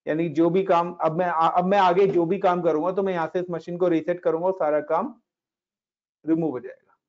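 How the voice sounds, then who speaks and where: A man's voice: high-pitched, flat delivery, normal speed, darkish tone. A man teaching a casual Linux class, talking students through each step and mixing in English words. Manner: chatty, talks students through steps, mixes in English words. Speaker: Linux instructor. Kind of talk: casual screen-share class explaining commands. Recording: dull lo-fi recording.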